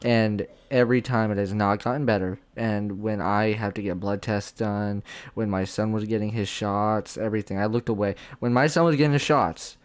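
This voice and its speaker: A man from the United States, a guest in a casual chat, telling stories in a lively way with casual slang. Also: lowish voice, moderate pace, smooth. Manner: animated storyteller, casual slang.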